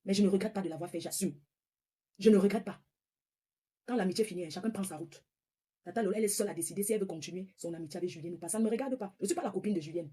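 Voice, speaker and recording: A woman's voice: mid-range voice, rapid-fire, mellow, slightly rough. A woman in her forties from northern France, ranting confrontationally on a live stream and repeating her points. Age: 40s. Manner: confrontational, repetitive, scolding. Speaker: social media livestreamer. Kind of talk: heated live-stream rant.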